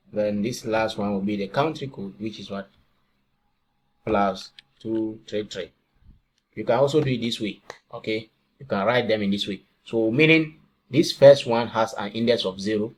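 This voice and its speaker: Low-voiced man explaining code step by step. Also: slight background noise. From Ghana. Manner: talks step by step, asks and answers own questions. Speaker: programming tutor. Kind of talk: screen-recorded coding tutorial.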